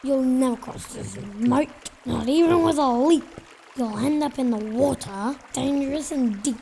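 A man voicing a boastful, sneaky big bad knight in a high, creaky voice, taunting in sing-song rhymes. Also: unhurried, warm tone, a little hiss or hum, exaggerated voice. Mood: gloating.

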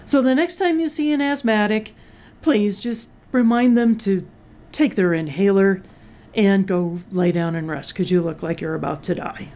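A woman host in casual chat, hoarse and short of breath from asthma, chatty with sarcastic asides. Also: medium pitch, moderate pace, darkish tone, slight background noise. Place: Colorado.

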